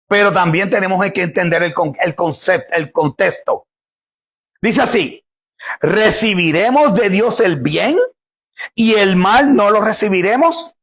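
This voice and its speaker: Husky-voiced male preacher, emphatic. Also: sits high. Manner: emphatic, restarts and repeats words. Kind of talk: sermon.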